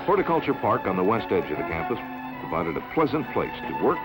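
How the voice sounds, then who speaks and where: A man narrating an old newsreel in a measured, formal announcing manner. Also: lowish voice, very animated, over loud music, poor audio.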